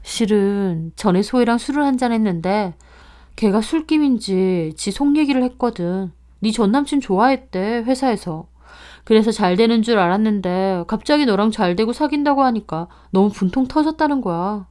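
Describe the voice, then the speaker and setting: A woman voicing a young female friend quietly passing on gossip. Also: medium pitch, lively intonation, normal speed, natural voice. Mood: confiding.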